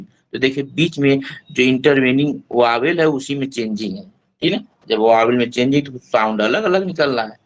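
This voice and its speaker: A man teaching an online English class in Hindi, explaining terms step by step and reading English lines slowly. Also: mid-range voice, poor audio. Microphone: online class mic.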